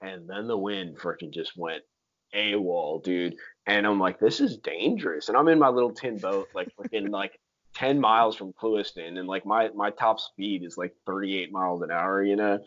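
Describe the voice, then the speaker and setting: A man's voice: deep voice, moderate pace, a bit bright. A man telling stories in casual chat, with slangy talk full of dude, like and freaking. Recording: dull lo-fi sound.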